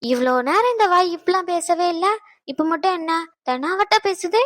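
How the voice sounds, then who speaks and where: A woman voicing a quick-tempered young wife who scolds her husband with sharp retorts. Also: extremely high pitch, expressive, no echo, studio quality. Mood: scolding.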